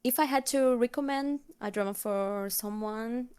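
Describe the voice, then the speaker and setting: With a smooth, darkish, slightly high voice, a young Brazilian K-pop cover singer speaks a little slowly as a guest in a relaxed interview. A native Portuguese speaker with a Brazilian Portuguese accent, she keeps restarting and groping for words.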